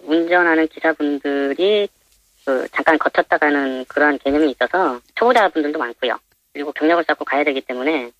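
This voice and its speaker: Guy with anonymized altered voice giving interview answers, quick but halting, dull phone-like sound. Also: fairly bright tone. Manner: halting, polite and explanatory. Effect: voice disguised by pitch-shifting for anonymity. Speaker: minibus driver interviewed anonymously. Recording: dull, band-limited phone interview audio.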